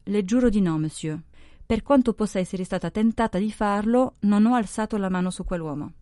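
A woman's voice: medium pitch, brisk, mellow, no room sound, studio quality, close to an everyday voice. A woman voicing a cutting, dignified countess. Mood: tense. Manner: rich-toned, cutting, incisive speech. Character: dignified young noblewoman, composed yet intense. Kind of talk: audiobook dialogue reading.

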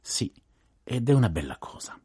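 An actor playing a precise, courteous older detective in a radio play, telling events in a measured, grave way. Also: male voice, mid-range voice, very animated, darkish tone, husky.

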